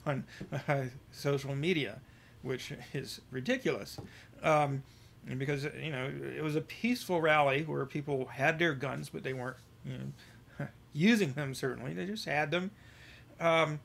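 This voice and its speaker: A male podcast host giving casual commentary on news stories, reading out quotes and talking haltingly with many fillers, his volume rising and falling. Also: fairly high pitch, fairly bright tone.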